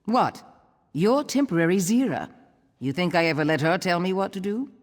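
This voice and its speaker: A dry, stubborn retired thief in a fantasy game. Her sarcasm rides on lively swings of pitch. A long reverb trails behind her voice. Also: normal speed. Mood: sardonic. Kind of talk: game cutscene voice acting.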